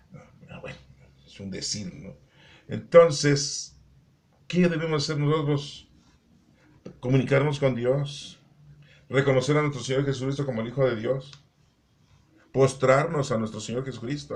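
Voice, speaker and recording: A man explaining the day's Bible readings in a casual, joking way, with asides and rhetorical questions. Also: medium pitch. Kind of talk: conversational Bible commentary.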